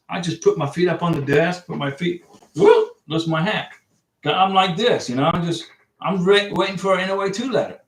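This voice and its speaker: An American man with a fairly high voice hosts a livestream from a room at home, giving visa advice. He chats casually and rambles while reading viewer comments and answering them, and his voice has a reverberant quality.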